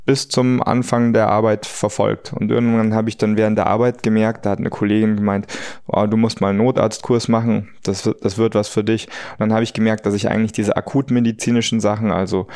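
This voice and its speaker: A man in his thirties, born in the United States, talking casually as a podcast co-host, relaxed and easygoing, with frequent fillers. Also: fairly low pitch, brisk, no echo, studio quality. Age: 30s. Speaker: podcast co-host, trauma surgeon.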